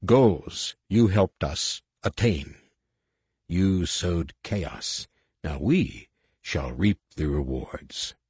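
A man reads a cruel alien warlord from a science fiction audiobook, hissing every word in a low, husky voice. He sounds slow, cold and full of contempt. The recording is dry and close. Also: expressive, darkish tone, no room sound, full character voice. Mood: contemptuous.

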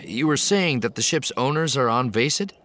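A man voicing a steady, gruff male spacer who speaks in a dry, measured way. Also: medium pitch, a little hiss or hum, voice pushed up, close to an everyday voice.

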